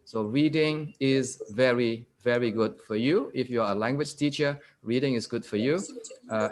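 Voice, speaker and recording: A man with a medium-pitched voice is a guest lecturer running an interactive online class over a video call. He quizzes his listeners and reads statements out slowly, repeating them.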